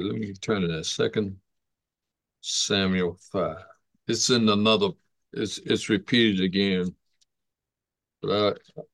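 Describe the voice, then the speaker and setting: Deep-voiced pastor leading Bible study. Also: male voice, no room sound. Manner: easygoing, invites the group to speak. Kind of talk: church Bible study teaching.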